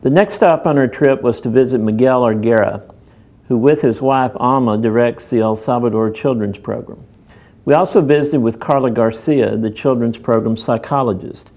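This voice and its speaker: A man's voice: mid-range voice, moderate pace, a little mellow. A man narrating a church mission documentary in a plain, informative way.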